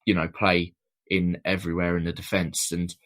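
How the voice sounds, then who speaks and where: Man, podcast panelist, very deep voice, measured, leans on "kind of". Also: flat delivery, fairly bright tone. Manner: measured, lots of "I think" and "kind of". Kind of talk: casual fan podcast chat.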